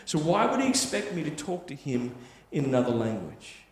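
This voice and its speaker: Telling a story from the pulpit, this preacher has a somewhat high, sing-song voice and moves at a normal speed. He's earnest and conversational, frequently tossing in tag questions, and a long reverb fills the echoey hall.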